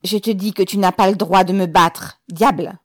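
A woman voicing a defiant male peasant who speaks out forcefully against his oppressor in an audiobook. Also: fairly low pitch, a little slow, no room sound, clean studio sound.

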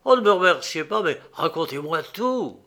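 A man's voice: a little high, big pitch swings, normal speed, sharp tone, pitched above the performer's own voice, full character voice. A man reading an audiobook aloud, voicing a sly middle-aged count who talks in a clipped, offhand way.

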